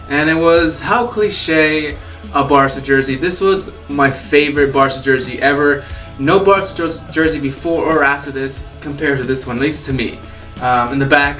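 A man's voice: mid-range voice, pushed and bright, distant mic. A young man from Peru chatting casually in a vlog, rambling and enthusiastic with lots of fillers. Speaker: YouTuber. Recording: roomy echo, off-mic, faint music.

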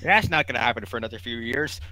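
A man's voice: medium pitch, fast talker, pushed and bright, rough recording. A teenage boy on a casual podcast, giving short, offhand replies. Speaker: podcast co-host. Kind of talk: casual chat.

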